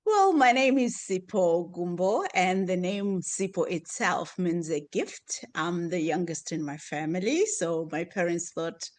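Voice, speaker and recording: A slow, unhurried woman from Zimbabwe, in her fifties, being interviewed. Her voice sits on the low side, and she talks softly with frequent pauses, ums and light laughter. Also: expressive. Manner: soft-spoken, laughs often, hesitant with ums. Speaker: guest. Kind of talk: interview conversation.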